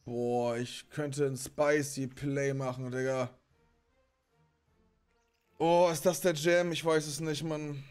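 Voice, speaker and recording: A young man streaming a party game with friends, excitably exclaiming and cursing at every turn. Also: fairly high pitch, slow pace, pauses often, clean tone, soft background music. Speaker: gaming streamer playing with friends. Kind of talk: excited multiplayer gaming chat.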